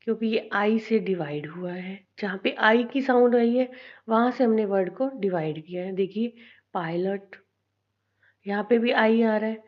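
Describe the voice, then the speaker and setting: A woman with an Indian accent teaching an English lesson, speaking slowly and deliberately, spelling out letters and repeating things for her students. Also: medium pitch, muffled recording. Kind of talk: classroom lesson mixing Hindi and English.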